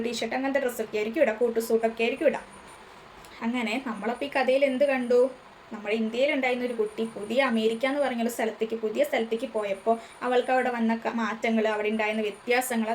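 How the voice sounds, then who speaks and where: A woman tutor with a Malayali accent, explaining a textbook story to a class and answering her own questions. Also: a little high. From Kerala, India. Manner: asks questions and answers them herself. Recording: faint ambient noise.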